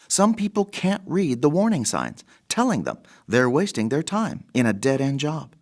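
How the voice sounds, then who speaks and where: A man presenting a scripted inspirational radio program. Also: a little high. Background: background music.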